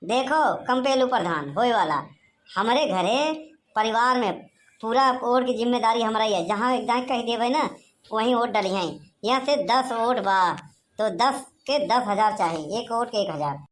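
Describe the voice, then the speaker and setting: A woman's voice: fairly high pitch, moderate pace, natural voice. A woman doing a sly Awadhi village haggler. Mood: haggling. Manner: loud, bargaining, rustic chatter with tag questions. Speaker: villager voter. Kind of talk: cartoon comedy voice acting.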